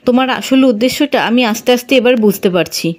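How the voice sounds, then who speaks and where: A woman's voice: on the high side, fast, close to an everyday voice. A woman voicing a stern, suspicious mother of the house, reading her demanding questions in a confronting manner. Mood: accusing.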